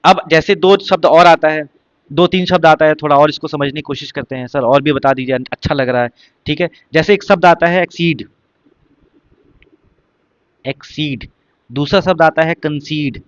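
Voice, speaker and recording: A man's voice: a little high, fairly even intonation, moderate pace, pauses often, clear, resonant tone, no echo, lo-fi sound. A male teacher giving an exam-prep vocabulary lesson, repeating points and asking rhetorical questions. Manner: repetitive, explains with rhetorical questions.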